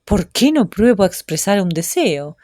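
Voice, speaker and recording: A woman's voice: medium pitch, big pitch swings, normal speed, a little mellow, no echo, studio quality, close to an everyday voice. A woman voicing a poor, hungry duke who mutters his weary thoughts aloud in a storybook reading. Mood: weary, wistful. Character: poor hungry duke, grown man, wistful.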